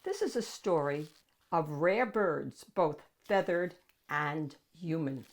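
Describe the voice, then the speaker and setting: An animated woman with a low-sitting voice reads a picture book to young children during storytime. She uses dramatic pauses and elongates the key words.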